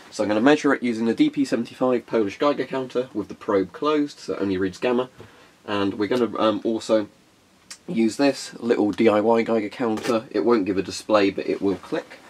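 This hobbyist video host is a young man whose lowish, darkish voice has a breathy edge and sounds congested and phlegmy. Showing off equipment in a carpeted room, he keeps things casual, rambling along with plenty of ums.

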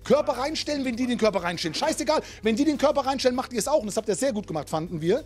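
A man's voice: very high-pitched, lively intonation, very fast, darkish tone, soft background music. A middle-aged man bantering and commentating casually on a football livestream in a blunt, joking way. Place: football ground, stand and indoor rooms.

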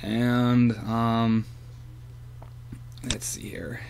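This hobbyist vlogger talks very slowly in a level, medium-pitched voice that's a little mellow with vocal fry, over slight background noise. Rambling and hesitant, full of fillers, he shows off his radio antenna setup, first outdoors on a handheld camera and then at his computer.

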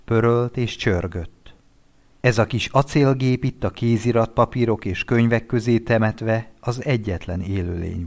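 A man narrating a literary short story, reading in a measured, expressive way. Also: fairly low pitch. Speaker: audiobook narrator.

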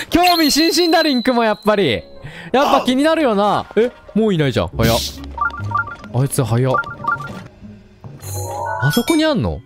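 A man giving casual, excitable let's-play commentary, often reading game lines aloud, with game music behind him. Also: extremely high pitch, normal speed, long pauses. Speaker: game streamer. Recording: game music playing under voice.

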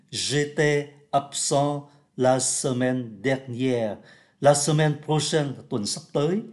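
A man from Vietnam teaching French pronunciation. He reads phrases slowly and clearly, then explains them quickly in a chatty way. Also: medium pitch, darkish tone. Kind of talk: pronunciation lesson.

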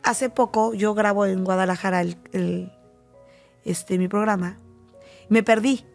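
A middle-aged woman with a Mexican accent, talking as a guest on a talk show and telling personal stories with lively, acted-out quotes. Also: mid-range voice, a little slow, vocal fry, faint music behind. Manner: animated storytelling, acting out quoted voices. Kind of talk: casual talk show conversation.

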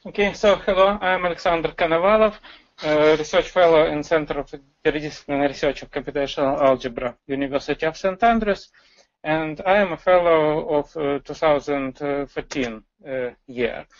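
A man, a research fellow, giving a webinar presentation over a video call, halting with fillers. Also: fairly high pitch. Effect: heard over a video call. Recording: dull video-call audio.

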